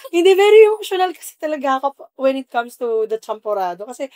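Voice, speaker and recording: A woman's voice: high voice, very animated, fast talker, darkish tone, no echo, clean studio sound. Emotional woman telling her story. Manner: emotional storytelling, acting out her own past remarks. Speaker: podcast guest, food business owner. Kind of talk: casual podcast conversation.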